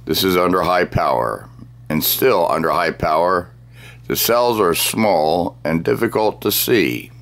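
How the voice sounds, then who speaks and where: A middle-aged man presenting a scripted science demonstration, speaking deliberately as if dictating, phrase by phrase. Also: deep voice, animated, a bit bright. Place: small cluttered indoor workroom.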